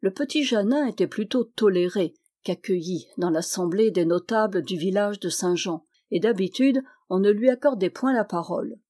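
A woman's voice: medium pitch, moderate pace, few pauses. Woman reading a French novel aloud. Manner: lively reading, raising her voice for quoted villagers. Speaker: audiobook reader. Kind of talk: scripted narration.

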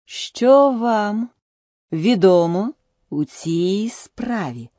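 Woman doing a slow pompous old king. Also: medium pitch, expressive, mellow, no echo, studio quality, pitched above the performer's own voice. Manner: slow and ponderous. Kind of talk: audiobook character voice.

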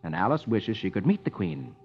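A jolly man reading a children's story on old-time radio in a lively, singsong way. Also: fairly low pitch, a little fast, a little hiss or hum. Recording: dull old radio transcription with music.

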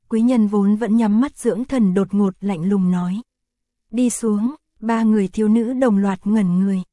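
A woman reads a story aloud as an audiobook narrator, keeping a steady, even pace. Her voice is dark and mellow, with a middle pitch. The recording is close and dry, with no room sound. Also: no echo. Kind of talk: scripted narration.

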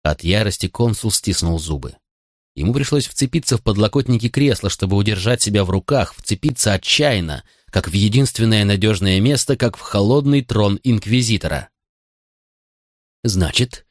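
A man narrating a novel as an audiobook, in an expressive storytelling manner. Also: lowish voice, brisk, dry recording, clean studio sound. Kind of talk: scripted narration.

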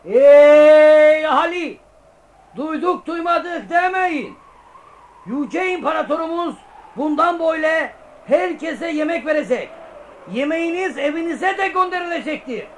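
High-pitched town crier, drawn-out proclamation. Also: male voice, animated, a little hiss or hum. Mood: proclaiming. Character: town crier proclaiming an emperor's decree to the people. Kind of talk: radio play acting.

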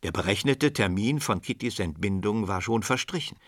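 A man narrating a radio drama in a measured, expressive storytelling manner. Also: on the low side, dry recording, clean studio sound. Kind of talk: scripted literary narration.

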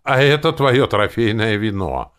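A man's voice: on the low side, lively intonation, unhurried, pitched above the performer's own voice. A man voicing a bossy, grumbling male zombie quartermaster who wheezes and barks orders in an audiobook. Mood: exasperated. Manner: gruff, wheezing, shouting orders. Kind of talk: audiobook character voice.

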